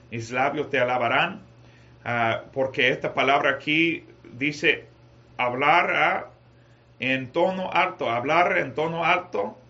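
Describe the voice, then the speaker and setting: A man preaching a sermon to a congregation, rising to shouted climaxes. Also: fairly high pitch, lo-fi sound. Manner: rises to shouting climaxes, addresses congregation as brothers.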